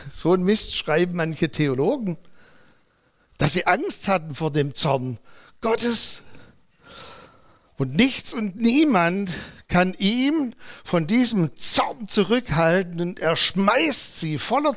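Brief: middle-aged male pastor, high voice, animated conversational sermon. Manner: animated, conversational preaching with acted quotes.

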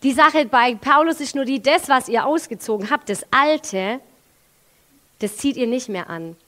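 A woman with a Swabian accent preaching a sermon in a lively way, moving from quiet to loud and using everyday examples. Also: high voice, unhurried. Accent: Swabian German. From Swabia, Germany. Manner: lively, with big swings in loudness and everyday examples.

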